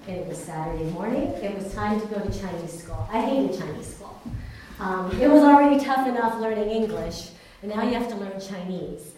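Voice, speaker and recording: A woman with a mid-range, darkish voice gives a personal testimony, candid and earnest, told as a story. She was born in Taiwan and grew up in California, and she is recorded from a distance in a very echoey room with faint noise.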